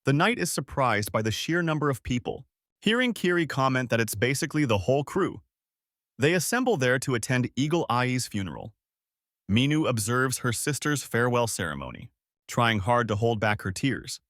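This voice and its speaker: A man reads a story recap in a scripted narration voice. His pitch moves a lot from line to line, and the delivery is expressive. The recording is dry and close, with no room sound. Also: moderate pace, no room sound.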